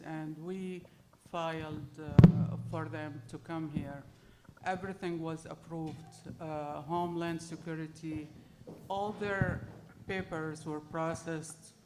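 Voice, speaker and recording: Background noise accompanies a middle-aged woman speaking in a low voice with an Arabic accent. She is on a panel, telling an audience personal stories about her life as an immigrant.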